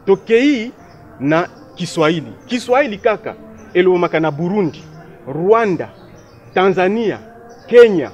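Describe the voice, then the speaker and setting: A man's voice: high voice, very animated, unhurried, long pauses. A man from DR Congo, giving emphatic, lecturing political commentary in a discussion and running through lists of places and dates.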